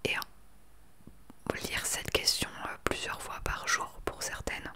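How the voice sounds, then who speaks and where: A woman in her late twenties talking earnestly and with conviction in a soft whispered ASMR chat into a desktop microphone. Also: unhurried. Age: 20s. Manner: earnest, opinionated. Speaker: ASMR creator. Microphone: desktop USB microphone.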